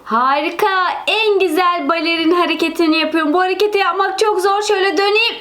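A woman's voice: very high-pitched, brisk, fairly bright tone, a little hiss or hum. A woman voicing a cheerful, bossy big-sister girl who loves ballet. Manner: chatty, self-satisfied. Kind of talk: toy role-play voicing.

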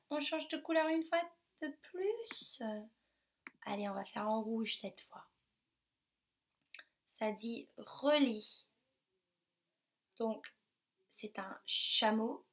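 Slow, carefully spoken woman teacher. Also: a little high. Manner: slow, carefully sounds out syllables, encouraging. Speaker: primary school teacher. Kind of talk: remote phonics and maths lesson for young children.

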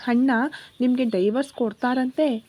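A woman's voice: high voice, fairly even intonation, normal speed, mellow. A woman voicing a simple-minded young man in a spoken story, childish and tearful, with a whiny manner.

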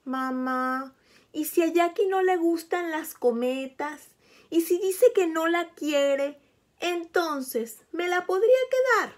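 A woman's voice: very high voice, expressive, takes it slowly, voice pushed up, exaggerated voice. A woman voicing a young donkey boy who hopes and pleads, in a children's storybook reading. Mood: hopeful.

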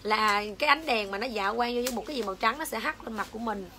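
A woman's voice: on the high side, fast talker, sharp tone, a little hiss or hum. A young woman with a Southern Vietnamese accent selling skincare on a livestream, switching between coaxing sales patter and foul-mouthed rants at commenters. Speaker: livestream seller.

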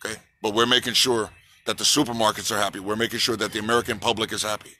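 Rapid-fire and flat in delivery, this trucker activist in his forties speaks in a voice on the low side that sounds pushed and bright. He gives an impassioned outdoor protest speech on a city sidewalk by a park, repeating slogans and asking the crowd to answer back, recorded on a phone held at arm's length.

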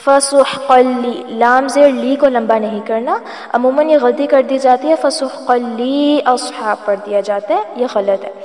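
A woman, a Quran recitation teacher, gives a tajweed lesson in which she chants words slowly and melodically, then quickly explains each rule. Her voice is a little high and a little mellow. The room is echoey with long reverb and faint music.

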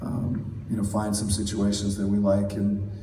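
A middle-aged man, a basketball coach, giving measured postgame press conference answers with many fillers, heard from across a press room. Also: fairly low pitch. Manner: measured, steady, many "you know" fillers. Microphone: table mic, recorded from far in the audience. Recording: roomy, distant, faint hall noise.

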